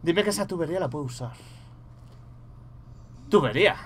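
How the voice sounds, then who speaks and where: A young man with a Spain Spanish accent, commentating a horror game live, muttering to himself and bursting into loud startled swearing. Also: on the high side, expressive, fairly quick, slight background noise. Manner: mutters quietly to himself between outbursts. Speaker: gaming streamer.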